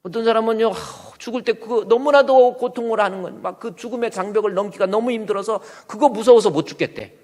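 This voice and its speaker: A male pastor with a high voice delivers an animated sermon and keeps firing rhetorical questions at the congregation. The sound carries a long reverb from a church sanctuary. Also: quick pace, hardly any pauses. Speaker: senior pastor.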